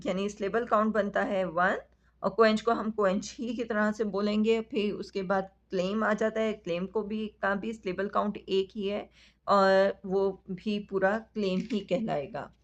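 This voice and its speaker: A woman teacher with a Pakistani accent explains a school lesson at an unhurried, patient pace. Her voice sits at a middle pitch. The recording is dull and lo-fi. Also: fairly even intonation. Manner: slow, patient, addresses the children directly.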